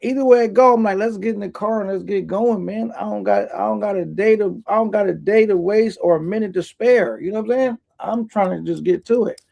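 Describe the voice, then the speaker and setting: A man's voice: high-pitched, brisk, vocal fry, few pauses, warm tone, lo-fi sound. A man co-hosting a livestream over headset audio, laid-back and rambling, reading viewer comments aloud. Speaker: livestream co-host reading chat. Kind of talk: casual livestream talk.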